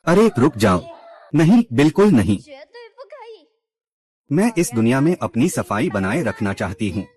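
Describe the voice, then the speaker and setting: A male narrator runs through a short drama, delivering every character's lines in one scripted read. His pitch is mid-range and swings widely from line to line. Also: darkish tone. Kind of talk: scripted recap narration voicing all characters.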